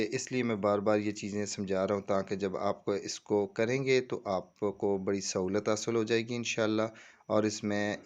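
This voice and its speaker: A tutorial presenter with a Pakistani accent explains a screen walkthrough step by step in a casual way, slipping in English terms. He often repeats reassuring check phrases to make sure his audience keeps up. His voice is on the low side and a little mellow.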